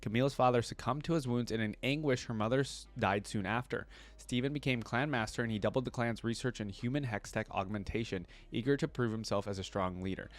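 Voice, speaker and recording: Talking fairly quickly with few pauses, a medium-pitched male host reacts to game character lore on video. He blends reading aloud with his own interjections and relaxed, enthusiastic commentary.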